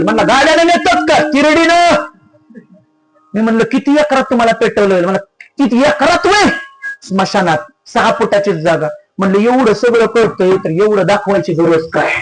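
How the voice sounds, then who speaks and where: A man preaching a devotional kirtan sermon, telling stories and repeatedly questioning the crowd with rising, emphatic cries. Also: low-quality recording. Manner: repetitive call-and-response questioning of the audience, rising to high emphatic cries. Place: live village festival gathering.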